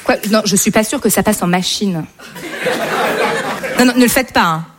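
Deadpan woman doing stand-up. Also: mid-range voice, normal speed. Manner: mock-serious, deadpan irony. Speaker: stand-up comedian. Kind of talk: stand-up comedy. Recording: live show with crowd and noise.

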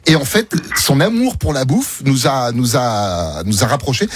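A man with an accent from France and a husky voice, telling a casual story enthusiastically as a radio guest. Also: mid-range voice, huge pitch swings, normal speed, dry recording. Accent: French from France.

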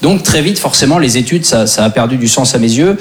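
A man's voice: mid-range voice, lively intonation, brisk. A young man with a French accent doing conversational, self-deprecating stand-up comedy on stage. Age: young adult. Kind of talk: stand-up comedy routine to a live audience. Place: comedy stage in front of an audience. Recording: live show with audience laughter. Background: crowd laughter.

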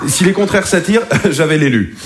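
A man's voice: a little high, expressive, a little fast. A male stand-up comedian delivering crude, boastful and self-mocking one-liners. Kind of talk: stand-up routine. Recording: loud background noise, live show.

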